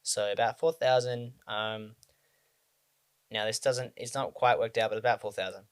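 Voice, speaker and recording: With a smooth, steady voice on the low side and a moderate pace, this Australian in his twenties chats to camera about money matters. He rambles, often saying um and starting his sentences over.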